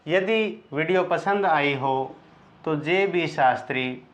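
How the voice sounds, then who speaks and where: A male Sanskrit teacher talks at a very slow, deliberate pace, drilling verb endings one by one. His voice sits a little high and he explains each step patiently, asking little questions back. The recording is dull and lo-fi. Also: fairly bright tone. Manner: chants verb forms in slow repeated drills. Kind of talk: slow classroom-style grammar lesson. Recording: dull lo-fi sound.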